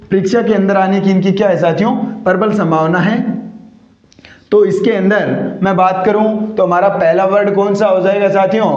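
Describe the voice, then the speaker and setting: A man's voice: high-pitched, a little mellow. A male teacher with a Hindi accent gives a vocabulary lesson, asking rhetorical questions, answering them himself and repeating each word. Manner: keeps addressing listeners as "companions". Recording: echoey, dull lo-fi room recording.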